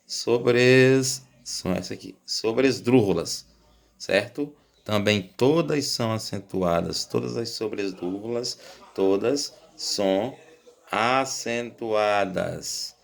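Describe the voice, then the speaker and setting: A Portuguese-speaking man teaches a Spanish grammar lesson in a low, gravelly voice. He goes over each rule several times and keeps asking his students whether they follow. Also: unhurried. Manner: drills points with repeated "certo?" and "né?" tags. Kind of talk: classroom lesson explaining rules.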